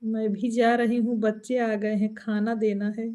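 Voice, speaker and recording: A woman's voice: fairly high pitch, flat delivery, moderate pace, dark tone. A woman folk singer with an Awadhi Hindi accent, chatting at home on a live stream, laughing often and answering viewer comments.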